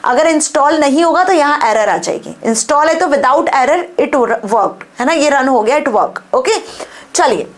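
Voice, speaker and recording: High-pitched female tutor; patient step-by-step lecturer who code-switches freely and keeps asking "understood?". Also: lively intonation, unhurried. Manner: explains step by step, checking understanding with repeated "okay?" and "understood?"; switches between Hindi and English mid-sentence. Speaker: computer science teacher. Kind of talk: classroom-style tutorial lecture.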